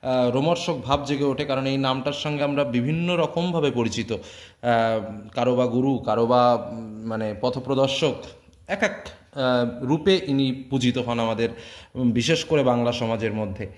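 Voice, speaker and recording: A man's voice: medium pitch, moderate pace. A man explaining a lesson to students, in a conversational way with many fillers and checking questions. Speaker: teacher.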